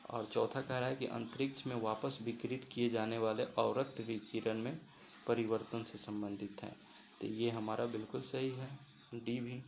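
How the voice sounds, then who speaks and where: A man's voice: medium pitch, level tone, moderate pace, vocal fry, a little hiss or hum, low-quality recording. A man teaching as he explains quiz questions and walks through each option step by step, slipping English terms into his talk. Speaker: exam-prep teacher.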